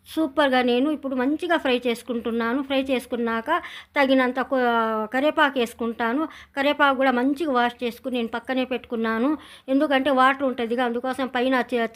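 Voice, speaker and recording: A middle-aged woman with a Telugu village accent, narrating her home cooking in a chatty, rambling way. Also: sits high. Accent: Telugu village speech. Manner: chatty, rambling storytelling with many restarts. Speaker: cooking channel host. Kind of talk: casual cooking vlog narration.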